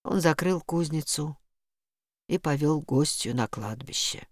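A woman narrating a story in a measured, expressive reading. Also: sits low, dry recording, clean studio sound. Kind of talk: audiobook narration.

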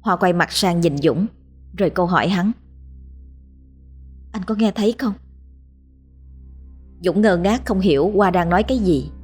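A woman with a husky, lowish voice reads a ghost story in a steady, dramatic way. Faint music runs quietly behind her narration. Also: fairly quick.

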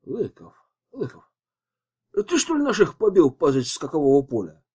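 A man's voice: fairly high pitch, huge pitch swings, normal speed, darkish tone, breathy edge, voice pushed up, exaggerated voice. A man voicing a swaggering young street thug who talks in a cocky, sneering way.

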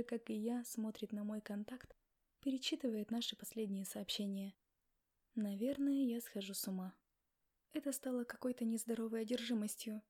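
A woman narrating a first-person novel in a quiet, reflective way. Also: a little high. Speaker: audiobook reader.

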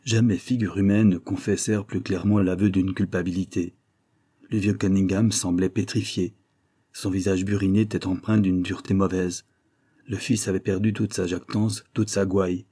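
A man narrating an audiobook in the first person, in a measured storytelling manner. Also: low voice, level tone, warm tone, husky.

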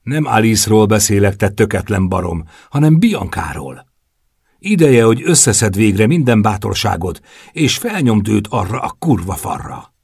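Male narrator doing a crude teasing womanizer, low husky voice, lively delivery. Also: no room sound, studio quality, full character voice. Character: crude teasing young man, brash womanizer.

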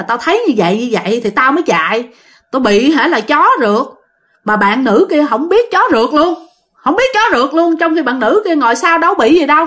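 A woman casually telling a ghost story, animated and speaking directly to her listeners. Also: a little high.

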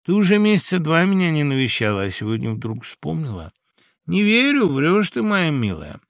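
A man's voice: a little high, huge pitch swings, moderate pace, dry recording, clean studio sound, voice pushed up. A man voicing a suspicious, blunt male woodpecker in a storybook reading, mocking and argumentative. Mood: mocking suspicion.

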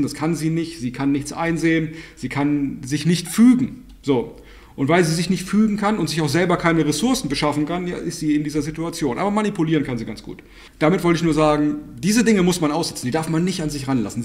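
A man telling personal stories and giving advice in a blunt, repetitive, lecturing way, often pausing with fillers. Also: fairly high pitch, a little mellow. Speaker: online dating and life coach. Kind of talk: spoken monologue, anecdotes and advice.

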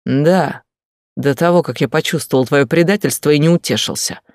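A man voicing an angry, jealous middle-aged husband who accuses and shouts harshly in an audiobook. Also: on the high side, normal speed, no echo, studio quality, lightly acted. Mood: accusing.

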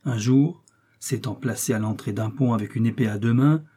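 Man reading a measured learned village priest. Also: mid-range voice, warm tone, husky, close to an everyday voice. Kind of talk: audiobook reading.

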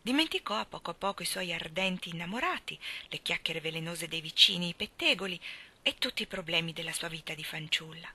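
Soft-spoken woman narrator, very bright tone. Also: on the low side, lively intonation, brisk, breathy edge. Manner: soft, hushed at times. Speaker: audiobook reader. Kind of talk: literary narration.

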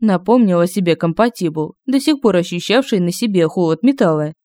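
A woman reading a humorous fantasy audiobook in an even, measured way. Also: on the low side, dry recording, clean studio sound. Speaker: audiobook narrator.

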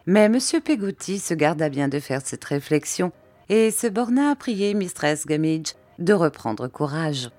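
A woman narrating a classic novel in a measured, expressive reading style. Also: deep voice, no echo. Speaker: audiobook reader. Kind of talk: storybook narration.

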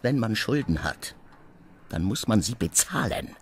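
An actor playing a coarse, bullying middle-aged swindler in a radio play, husky and blustering. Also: male voice, on the low side, sing-song, measured pace, a little hiss or hum. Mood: sneering.

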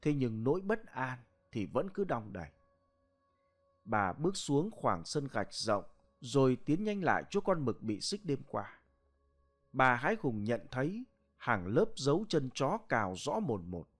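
A man narrating a village ghost story in a slow, dramatic manner. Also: mid-range voice, sing-song.

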